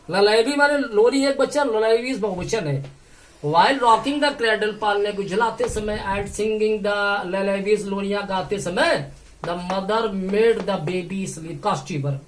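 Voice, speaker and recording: A man tutoring English in a lesson, explaining patiently, spelling words letter by letter and repeating phrases slowly. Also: very high voice. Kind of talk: bilingual language lesson.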